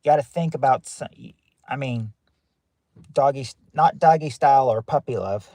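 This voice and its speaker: A man's voice: mid-range voice, normal speed, mellow, no room sound. A man hosting a casual family game show on a livestream, reading out answers and greeting viewers by name from his parked car.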